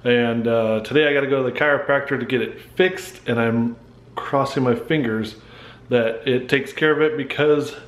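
A man's voice: medium pitch, steady tone, moderate pace. Casual American man vlogging. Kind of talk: casual vlog narration.

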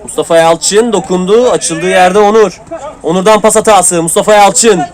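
A man's voice: high voice, moderate pace. A man giving live play-by-play commentary on an amateur football match, calling out player names in short clipped bursts. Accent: Turkish.

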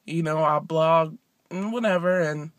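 A woman's voice: low voice, measured pace, no room sound. A young woman telling a story to her phone outdoors, acting out other people's lines with animation. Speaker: vlogger. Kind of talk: casual storytelling vlog. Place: outdoors near an apartment. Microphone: phone held by speaker.

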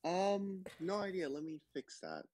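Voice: mid-range voice, unhurried, darkish tone. A stream guest chatting casually over a phone, the voice muffled and gurgling as if underwater. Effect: muffled underwater-sounding voice over a phone. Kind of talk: casual chat.

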